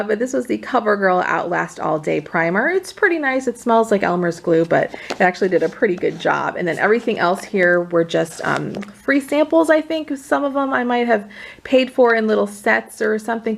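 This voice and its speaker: Slightly breathless woman vlogger, creaky voice. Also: mid-range voice. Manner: informal, conversational. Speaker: beauty vlogger presenting used-up products. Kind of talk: casual chatty product rundown to camera.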